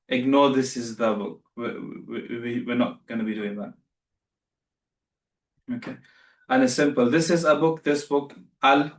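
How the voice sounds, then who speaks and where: A man's voice: mid-range voice, roomy sound, distant mic. A man teaching beginner Arabic in a live online class, patient and repeating himself as he corrects students.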